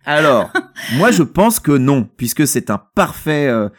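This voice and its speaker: A man's voice: a little high, big pitch swings, measured pace. A man co-hosting a casual podcast about a novel, joking and rambling with many fillers. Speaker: podcast co-host. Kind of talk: casual book discussion.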